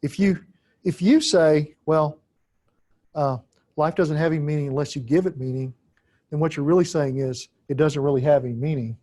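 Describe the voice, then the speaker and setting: A man lecturing on philosophy in an unscripted way, deliberate and halting, with frequent "uh" fillers and key phrases repeated for emphasis. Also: a little high, dark tone.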